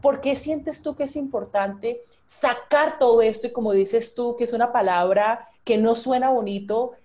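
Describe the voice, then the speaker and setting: A woman hosting an interview and gently asking probing questions. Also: fairly high pitch, moderate pace. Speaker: host.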